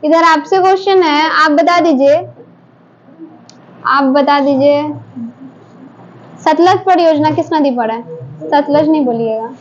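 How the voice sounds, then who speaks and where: A woman teacher quizzes her classroom, briskly pushing students to answer in turn. Her voice sits high. The recording is dull and lo-fi, with faint noise under it. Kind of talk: classroom quiz drill.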